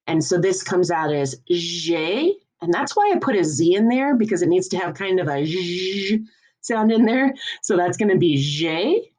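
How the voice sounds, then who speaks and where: A woman teaching a French lesson, explaining each point patiently and enunciating clearly. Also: mid-range voice, a little mellow. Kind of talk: classroom lesson.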